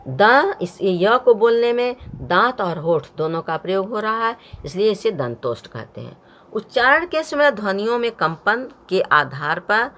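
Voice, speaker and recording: A woman's voice: medium pitch, fairly bright tone. A woman teaching a grammar lesson, explaining step by step and sounding out each letter for the learner. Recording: dull, muffled lo-fi sound.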